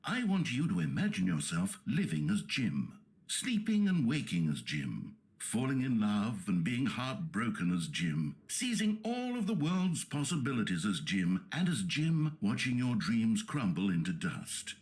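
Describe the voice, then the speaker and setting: A man's voice: lowish voice, huge pitch swings, unhurried, full character voice. A man voicing a wry, all-knowing video game narrator who speaks in a dry, mock-soothing, sardonic way.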